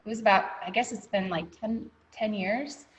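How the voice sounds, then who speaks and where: A woman's voice: medium pitch, fairly even intonation, moderate pace, a little hiss or hum, rough recording. A woman guest on an interview podcast, telling her story candidly with many ums and a catch of emotion in her voice. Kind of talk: reflective personal storytelling.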